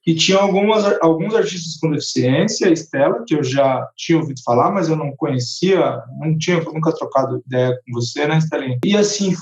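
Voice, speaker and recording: A man's voice: fairly high pitch, a little fast, hardly any pauses, darkish tone. A man, a rapper and composer, talking thoughtfully in a casual panel conversation, often restarting his phrases. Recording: echoey, muffled online call audio.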